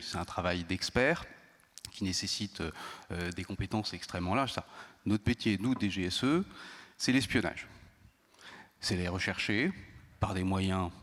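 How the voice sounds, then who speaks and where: Man, lowish voice, halting careful panel speaker, hall echo. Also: fairly bright tone. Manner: measured, many hesitations and restarts. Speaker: intelligence service panelist. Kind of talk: round-table talk. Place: conference hall. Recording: long hall reverb.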